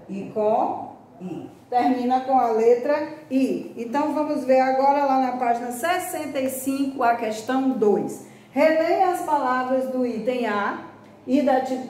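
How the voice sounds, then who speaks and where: A Brazilian woman teacher leads a children's lesson, slow and patient, drawing out each syllable. Her voice sits a little high but mellow. The recording rings with heavy room echo. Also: a little hiss or hum. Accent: Brazilian Portuguese. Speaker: primary school teacher. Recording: very echoey room.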